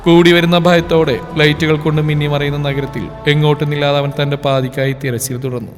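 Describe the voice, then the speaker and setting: A man's voice: fairly high pitch, fairly quick. Man narrating a story over music. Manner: steady, emotional storytelling. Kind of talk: scripted novel narration. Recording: reverb with background music.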